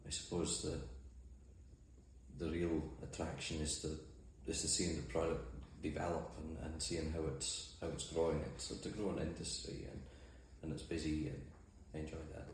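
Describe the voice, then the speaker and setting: In a very echoey office with faint background noise, a Shetland-accented mussel farmer and boat skipper responds to interview questions in an understated way. His pitch is extremely low, barely moving, and he speaks at normal speed.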